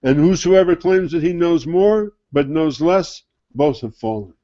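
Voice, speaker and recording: A Sufi sheikh delivers a loose, informal spoken sermon in a voice a little high for a man yet soft and mellow. Animated but unhurried, he teaches conversationally, asks rhetorical questions, and mimics other people's attitudes. The recording sounds dull and lo-fi.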